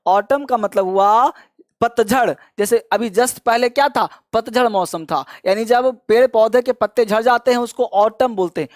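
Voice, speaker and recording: A man's voice: very high voice, a little slow, no echo, clean studio sound. A man teaching spoken English, repeating each word over and over and urging listeners to say it back, with encouraging praise. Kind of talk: pronunciation drill lesson.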